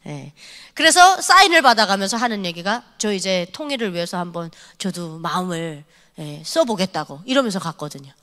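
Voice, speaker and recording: A young woman from North Korea giving a lively testimony sermon at a church youth service, scolding and acting out conversations. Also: lowish voice, fairly quick, long reverb tail. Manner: animated, scolding, acts out dialogue. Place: church hall.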